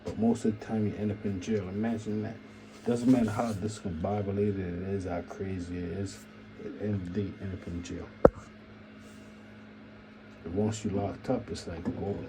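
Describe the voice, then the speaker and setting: A man with a fairly low, steady voice talks at a moderate pace over background noise, hosting his own channel. His half-joking solo commentary rambles and repeats, with musing asides and the recurring phrase "imagine that."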